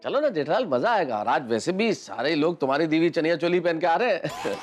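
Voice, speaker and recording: An actor playing a good-humored friend who coaxes and teases cheerfully in a sitcom. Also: male voice, fairly high pitch, animated, fairly quick, soft background music, natural voice. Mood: coaxing. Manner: cheerful, teasing, chuckling. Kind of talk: sitcom acting.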